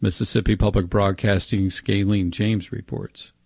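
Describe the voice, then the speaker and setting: A man with an American accent anchors a scripted radio newscast. His voice sits a little low, and he is recorded close and dry in a studio. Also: little pitch movement, normal speed, creaky, a little mellow, dry recording. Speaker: news anchor. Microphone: close studio microphone, dry.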